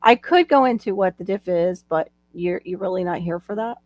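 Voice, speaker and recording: A middle-aged woman hosts a livestream from home over a video call, chatting casually and laughing often. Her voice is lowish with a darkish tone, at normal speed, and there's no room sound.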